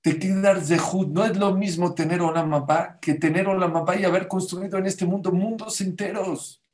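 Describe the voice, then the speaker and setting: A rabbi delivers a Torah sermon at normal speed in a high-sitting, somewhat raised voice. He tells his stories with animation, plays the people he quotes, and keeps checking in with listeners by asking them direct questions.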